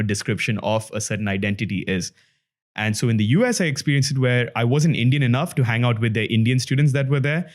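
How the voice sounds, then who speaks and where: Thoughtful Dubai-raised man talking. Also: medium pitch. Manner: thoughtful, with frequent fillers and restarts. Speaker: podcast host. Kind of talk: reflective conversational chat.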